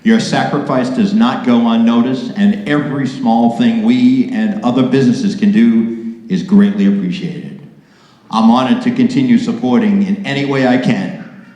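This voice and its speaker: A man giving a prepared award acceptance speech in a measured, polished radio-style delivery. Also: mid-range voice, dark tone. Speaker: award recipient. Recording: very echoey hall with long reverb.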